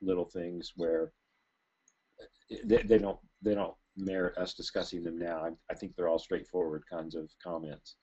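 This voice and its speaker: Deep husky man, halting academic reviewer. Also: flat delivery, warm tone. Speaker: academic thesis committee reviewer. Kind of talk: thesis defense discussion. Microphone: remote call. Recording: dull, muffled lo-fi call audio.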